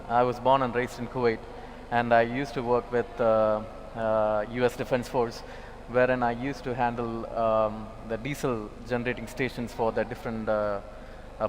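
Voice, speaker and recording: A man's voice: mid-range voice, a little hiss or hum. A man from Kerala speaking as a panelist at a panel discussion, hesitant with many fillers. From Kerala, India. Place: large expo hall. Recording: hall reverb, faint ambience.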